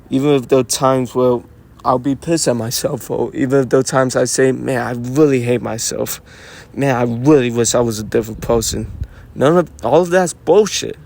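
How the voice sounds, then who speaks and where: Slow, rambling man musing to himself. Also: mid-range voice, darkish tone. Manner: rambling and musing, with frequent swearing and restarts. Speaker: vlogger talking to himself. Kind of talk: casual unscripted monologue.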